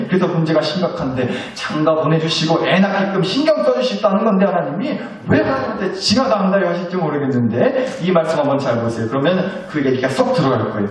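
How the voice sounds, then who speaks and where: A man preaching in a church, his voice high and full of swooping, animated intonation. He tells stories in a lively, joking way. The sound comes from a distance, washed in heavy room echo. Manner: lively, joking storytelling with acted quotes. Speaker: pastor. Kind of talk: sermon. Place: church sanctuary. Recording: echoey church hall, mic from a distance.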